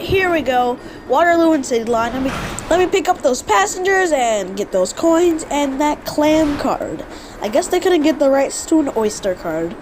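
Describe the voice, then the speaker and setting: Woman gaming host, lively sing-song commentary, game noise underneath. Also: high voice. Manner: chatty, animated, self-correcting. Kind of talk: gameplay commentary. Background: game sound effects.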